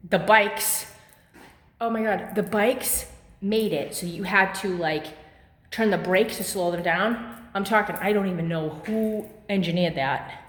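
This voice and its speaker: A woman's voice: mid-range voice, a bit bright. Woman, chatty workout demo, filler-heavy, slightly winded, echoey room, long reverb. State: slightly out of breath. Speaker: fitness vlogger. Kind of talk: casual workout demonstration.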